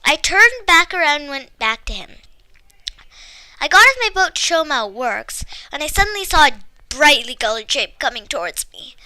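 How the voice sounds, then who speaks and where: Brief: high, bright, lively woman reading a story, dry close sound, an occasional slip. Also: normal speed, no room sound, rough recording. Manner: expressive reading with small slips and restarts. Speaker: story reader. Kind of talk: reading her own story aloud.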